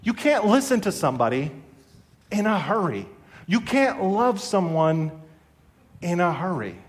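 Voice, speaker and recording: A man's voice: sits high, very animated, measured pace. A middle-aged man preaching a sermon as a pastor, earnest and conversational with his congregation.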